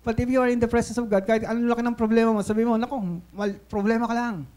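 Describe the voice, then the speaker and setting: A man's voice: extremely high pitch, racing, clean tone. A Filipino man preaching a sermon as pastor, mixing English into his talk, often checking in with "Okay?" and acting out little scenes. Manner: switches between Tagalog and English, asks "Okay?" often; lively, acts out voices in stories.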